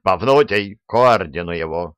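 A man's voice: sits low, expressive, moderate pace, a bit bright, clear, resonant tone, dry recording. A man voicing a greedy, easily touched male king who exclaims his praise. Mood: exclaiming. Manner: exclaiming, sentimental.

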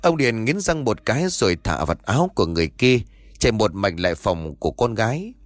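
Brief: low-voiced man, lively dramatic horror narration, dry close mic, faint music. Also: fairly quick, dry recording. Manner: dramatic, suspenseful. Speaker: storyteller.

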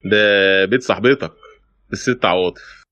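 A man's voice: on the low side, moderate pace, a bit bright, natural voice. An actor with an Egyptian Arabic accent playing a stern, skeptical male police brigadier in an old radio drama, talking bluntly. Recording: dull lo-fi old radio play recording.

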